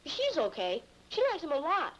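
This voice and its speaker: An actor playing an earnest, slangy American schoolboy who leads a kids' gang in a 1950s TV detective drama. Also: male voice, extremely high pitch, huge pitch swings, moderate pace, a bit bright, full character voice. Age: child or young teen. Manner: earnest, slangy, polite boyish. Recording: muffled vintage TV soundtrack, faint noise.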